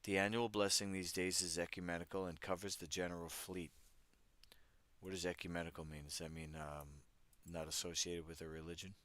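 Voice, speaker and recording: Speaking fairly quickly with little pitch movement, a man with a low, slightly bright voice hosts a livestream. He reads news aloud and then riffs on it, giving his chat wry, irreverent asides.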